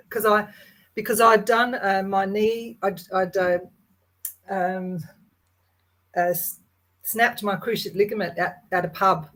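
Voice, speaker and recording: A woman telling a personal story in a casual chat, animated and full of restarts. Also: mid-range voice, low-quality recording. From Hungarian and Yugoslav background. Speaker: guest.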